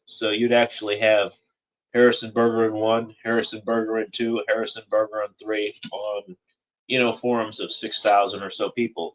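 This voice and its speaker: A man's voice: fairly low pitch, fairly bright tone, muffled recording. A man talking as a political commentator in a casual monologue, rambling and repeating phrases with frequent "you know".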